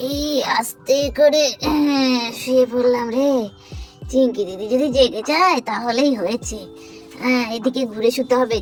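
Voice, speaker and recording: A woman's voice: fairly high pitch, close to an everyday voice. A woman voicing a sneaky little creature in a doll play, muttering furtively to itself.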